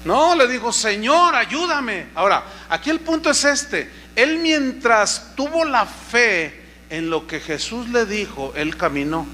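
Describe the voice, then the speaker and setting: High, bright-voiced male preacher. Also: a little slow, a little hiss or hum. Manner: animated preaching, acts out quoted voices, asks the congregation questions. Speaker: pastor. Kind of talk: sermon.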